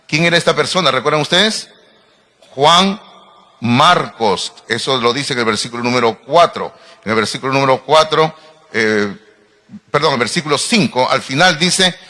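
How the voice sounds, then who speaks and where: A man's voice: a little high, sharp tone. A middle-aged man preaching a sermon as pastor, emphatic and full of rhetorical questions to his congregation. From Peru.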